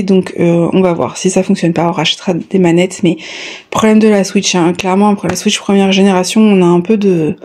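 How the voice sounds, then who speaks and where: A woman with a soft, mellow voice at a middle pitch, talking casually as a vlogger would. She sounds a little breathless and speaks haltingly, pausing often to find her next phrase. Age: adult, a parent of a child. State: slightly short of breath, breathy pauses. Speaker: YouTube vlogger. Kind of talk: casual chat to viewers, unboxing.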